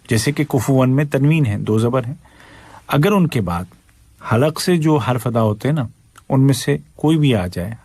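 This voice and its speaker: A man teaches Quran recitation, stopping to explain each pronunciation rule and then chanting the words slowly and at length. His voice is mellow and dark, his pace deliberate and unhurried. The sound is dry and close, with no room echo. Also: medium pitch, gravelly, slightly rough. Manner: slow, patient explaining, breaking into slow drawn-out chanted recitation.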